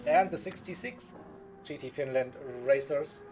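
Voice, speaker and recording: A man with a German accent, a native German speaker, doing relaxed, chatty live commentary on a sim race. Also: a little high, a little slow, over loud music. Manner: relaxed, chatty, laughs often. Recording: clear background noise.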